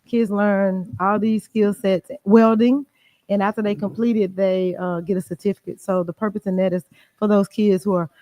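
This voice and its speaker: A woman, a youth club director calmly explaining her programs as a guest on a podcast. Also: mid-range voice, moderate pace, rough recording. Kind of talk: podcast interview.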